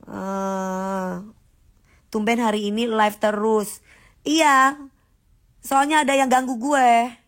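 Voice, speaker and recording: A combative woman, talking straight to her livestream viewers. Her voice sits a little high, and she stays sassy and dismissive throughout. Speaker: livestream host. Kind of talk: casual livestream rant.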